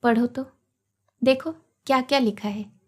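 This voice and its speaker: A woman's voice: on the high side, animated, a little slow. A woman voicing a grieving, tearful young woman. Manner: soft, broken with sorrow.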